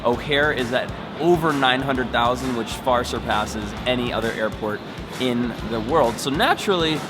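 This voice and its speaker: Male vlog host, medium pitch, casual and dryly wry explainer delivery, music bed underneath. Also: normal speed. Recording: music behind the voice. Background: music and airport bustle.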